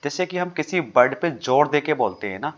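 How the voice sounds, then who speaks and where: A man's voice: on the high side, animated, moderate pace, lo-fi sound. A man teaching English literature exam questions, explaining each answer step by step with worked examples and often checking in with his students. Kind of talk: exam-prep lesson on a YouTube channel. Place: home desk, recording over a screen with a drawing tablet.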